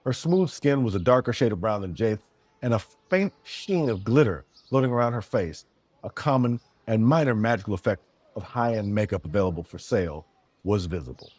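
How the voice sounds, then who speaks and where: A man narrating a fantasy story in a steady, descriptive way. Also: lowish voice, a little fast, husky, dry recording.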